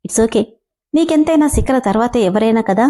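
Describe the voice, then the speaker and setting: A woman's voice: a little high, expressive, moderate pace, warm tone, lightly acted. A woman reading a storybook voicing an emotional young bank colleague who pleads and feels hurt. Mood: pleading.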